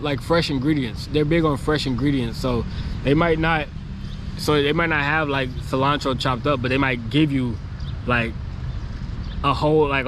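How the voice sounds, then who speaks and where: A travel vlogger who is losing his voice talks casually to camera outdoors on a city street near construction. His mid-range voice rambles chattily with lots of fillers. The recording is noisy with passing traffic and city street sounds.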